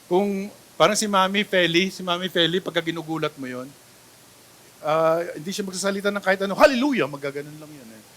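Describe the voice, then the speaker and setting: A Filipino man preaching a church sermon, mixing Tagalog and English, animated, often asking "di ba?" and swinging between loud exclamations and soft asides. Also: high-pitched, brisk. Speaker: pastor. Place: church sanctuary.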